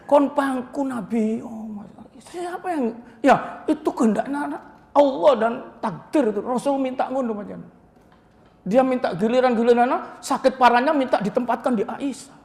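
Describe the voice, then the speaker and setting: A man's voice: very high voice, measured pace, a little mellow. A man preaching a mosque sermon, telling stories with chuckles and asides. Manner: storytelling with Javanese asides and chuckles. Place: mosque hall. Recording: reverberant mosque hall.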